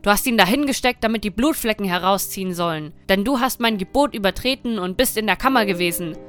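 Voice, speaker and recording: A woman's voice: on the high side, moderate pace, a bit bright, soft background music, close to an everyday voice. A woman voicing a stern, murderous nobleman who gives cold, threatening commands in a fairy tale reading. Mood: angry. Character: stern, menacing nobleman Bluebeard, murderous husband.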